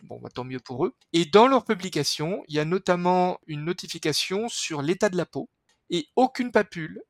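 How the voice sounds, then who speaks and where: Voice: medium pitch, a bit bright, no echo, clean studio sound. A podcast guest explaining skincare research in an enthusiastic, chatty way, full of fillers and restarts.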